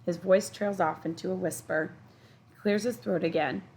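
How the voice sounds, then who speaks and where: Low gravelly woman reading a storybook. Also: steady tone, normal speed, a little mellow, slight background noise. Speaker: teacher reading aloud. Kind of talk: children's audiobook narration.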